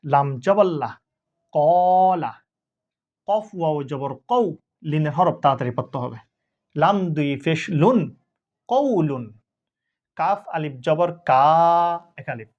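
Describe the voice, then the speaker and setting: A male Quran teacher slowly spelling out Arabic letters and vowel marks, syllable by syllable, in a lesson. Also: a little high, animated, highs cut off. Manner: slow, drawn-out recitation of syllables.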